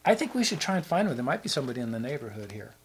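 A man's voice: medium pitch, sing-song, racing, slight background noise, low-quality recording. Easygoing man co-hosting a chat show. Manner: rambling, easygoing, joking. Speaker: show co-host. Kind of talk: casual chat.

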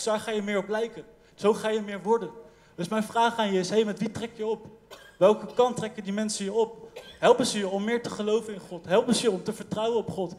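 A man's voice: sits high, darkish tone. A man preaching energetically to a congregation, often repeating phrases and calling out to the church. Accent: Dutch. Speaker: pastor. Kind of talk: sermon. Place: large church hall. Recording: reverberant church hall.

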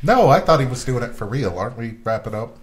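A man in casual gaming podcast banter, throwing in dry teasing remarks. His voice sits at a plain middle pitch. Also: big pitch swings, fast, slightly rough. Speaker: podcast co-host.

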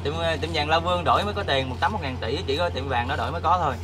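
A man's voice: fairly high pitch, expressive, rapid-fire. A young man, asking playful questions in a casual street interview. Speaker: vlogger interviewer. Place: outdoors by a street. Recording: loud street traffic behind.

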